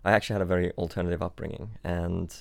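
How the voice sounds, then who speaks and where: Speaking very fast in a low, gravelly voice with a steady, slightly mellow tone, this young man guests on a podcast in London for a casual interview chat. Born in Switzerland and raised in Australia, the startup founder keeps repeating words and restarting sentences. There's no room sound.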